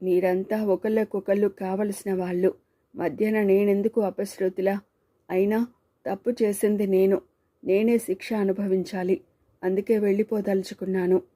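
A woman voicing a quiet, remorseful grown man who talks in a subdued, pleading way. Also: mid-range voice, little pitch movement, moderate pace, natural voice. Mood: detached.

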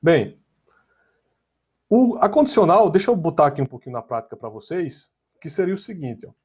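A Brazilian programming teacher gives an informal online lecture with slides and live coding over screen share, often checking in with little question tags. His fairly high voice is very animated, darkish and slightly rough at normal speed, and the online class audio sounds dull and lo-fi.

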